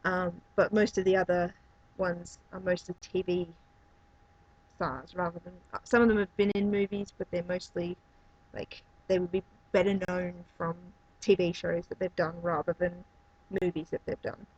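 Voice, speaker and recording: Woman reviewer, chatty and meandering, slightly raspy tone, muffled low-fi recording. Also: little pitch movement, normal speed. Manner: rambling, many fillers and restarts. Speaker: movie reviewer. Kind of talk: casual spoken review.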